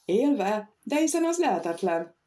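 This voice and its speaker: A composed old nobleman, dry and faintly amused, as a woman reader gives him voice in an audiobook. His lines stay measured and unhurried. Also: mid-range voice, big pitch swings, mellow, lightly acted. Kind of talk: audiobook character reading.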